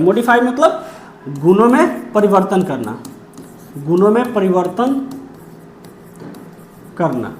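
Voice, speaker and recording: A woman with a slightly high voice teaches a grammar lesson in an echoey room. She keeps asking questions and answering them herself, and drags out key terms word by word for emphasis. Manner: repeats key terms slowly.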